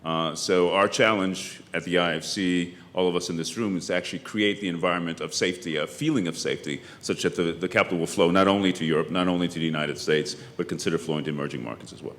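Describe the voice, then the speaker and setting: A man speaking on a conference panel in a measured, hesitant way with frequent fillers. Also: deep voice, fairly even intonation, fairly bright tone, big-room sound. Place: conference hall.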